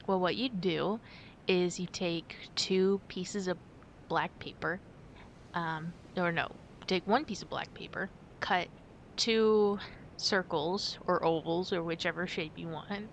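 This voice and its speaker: A young woman plays an affectionate, playful girlfriend on a pumpkin-picking outing, chatting casually in a one-sided ASMR roleplay. She speaks with gentle, hesitant pauses, and there's rumbly noise in the background.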